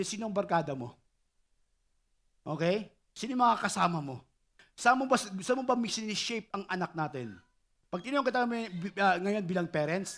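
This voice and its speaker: A middle-aged man delivers a sermon from the pulpit, his voice sitting noticeably high. He preaches with animation, constantly turning to the congregation to check that they are following. The overall effect is an energetic pastor in full flow. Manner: animated, repeatedly calls on the congregation for responses.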